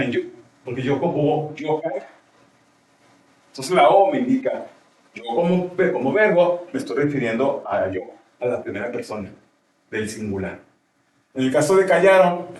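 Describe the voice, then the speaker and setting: A male teacher explaining grammar in a classroom, often checking with his students as he goes. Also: on the high side. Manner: explanatory, asks frequent checking questions. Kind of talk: classroom lecture. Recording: roomy classroom, mic far off.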